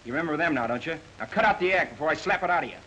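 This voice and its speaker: An actor playing a menacing, wisecracking gangster boss in slangy 1940s screwball comedy banter, on an old film soundtrack. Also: male voice, a little high, lively intonation, racing, bright, forceful tone, highs cut off, slight background noise. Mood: threatening.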